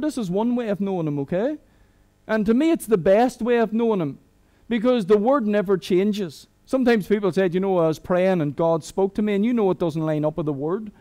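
A high-voiced Irish man in middle age preaching a sermon. He talks to the congregation like friends, mixes jokes into the message and restarts his sentences often. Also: dark tone. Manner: conversational and humorous, with many restarts. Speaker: guest preacher.

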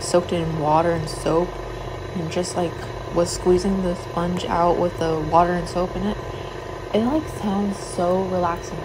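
A young woman vlogging casually while she cooks at home, rambling with lots of "like" and "um". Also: lowish voice. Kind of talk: casual chat while cooking. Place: home kitchen. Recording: noisy home recording.

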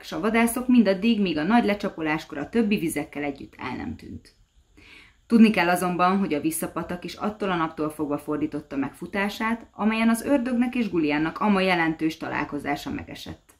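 Mély hangú nő népmesét olvas fel, kifejezően, élénken mesélve. Színészi felolvasás, nyugodt, hangsúlyos előadásmóddal. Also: female voice, on the low side. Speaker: actress reading a folk tale. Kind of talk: storybook reading.

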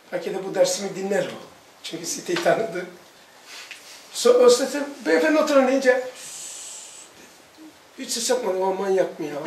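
High-voiced man preaching in an echoey room. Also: distant mic, a little hiss or hum. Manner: animated storytelling, acts out dialogue. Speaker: religious teacher. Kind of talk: sermon.

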